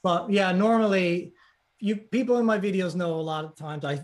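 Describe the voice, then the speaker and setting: Man, Newfoundland accent, high-pitched, fast, excitable, casual interview guest. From Newfoundland, Canada. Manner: fast-talking, excitable, laughs often. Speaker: YouTuber guest.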